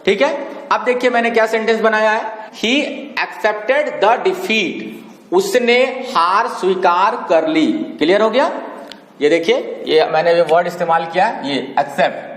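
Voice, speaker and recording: A man teaching a lesson, spelling words letter by letter, reading example sentences slowly and often asking whether his students have understood. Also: high-pitched. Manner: keeps checking understanding with "clear?" and "okay?". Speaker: English teacher. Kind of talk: classroom-style lesson explaining homophones. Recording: echoey room with long reverb.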